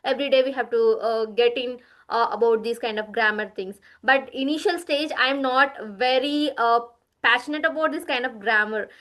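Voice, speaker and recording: High-pitched South Indian woman, Telugu-influenced accent. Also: a bit bright. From Andhra, southern India. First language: Kannada. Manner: halting, repetitive, with frequent tag "right?". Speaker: guest English speaker in practice conversation. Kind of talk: casual conversational chat.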